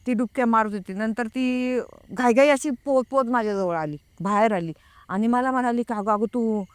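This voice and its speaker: A woman telling a personal story in a casual, hesitant way. She pauses to recall details. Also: a little high, smooth, no room sound. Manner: reenacts a friend's frightened words. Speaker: guest recounting a personal experience.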